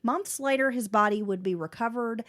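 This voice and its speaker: A podcast co-host tells a history story casually, with fillers and restarts. Her voice is on the high side, a bit bright, at normal speed.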